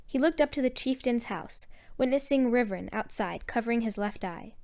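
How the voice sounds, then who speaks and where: A woman narrating a story in a measured storytelling manner. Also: on the high side, lively intonation, a little mellow. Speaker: audiobook narrator.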